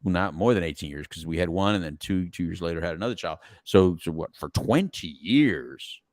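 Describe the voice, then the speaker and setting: A middle-aged man with a very low voice that swings up and down freely as he talks. He chats casually as a podcast host, rambling through restarts and breaking into laughter often. The sound is close and dry. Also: lively intonation, fairly quick, darkish tone, no echo. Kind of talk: casual chat.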